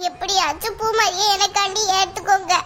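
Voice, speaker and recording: A woman's voice: very high-pitched, steady tone, a little fast, bright, forceful tone, slight background noise. A woman voicing a worried middle-aged mother of the bride in a cartoon, pleading and plaintive. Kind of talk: cartoon voice acting.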